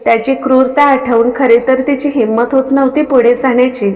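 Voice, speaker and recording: Woman storyteller, fairly high voice, long reverb; steady expressive read. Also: fairly quick. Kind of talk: scripted story narration.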